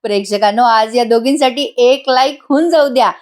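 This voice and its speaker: A woman recapping a TV serial episode in a voice-over review, chatty and excited, laughing often. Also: a little high, moderate pace.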